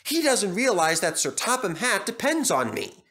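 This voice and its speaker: A young, cheeky boy tank engine from a storybook, voiced by a man. He sounds high and animated, with a bossy, impatient edge. His delivery is emphatic and indignant. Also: moderate pace, creaky, full character voice. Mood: cross, scornful.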